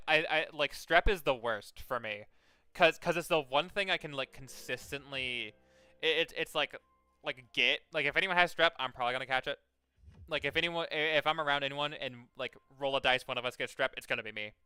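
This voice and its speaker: Young male streamer, clear bright tone, dry close mic; loose rambling chatter full of "like"s, casual cursing. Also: mid-range voice, dry recording. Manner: rambling, lots of fillers and restarts, swears freely. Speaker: game streamer. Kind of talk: casual live-stream chat and reading game text aloud.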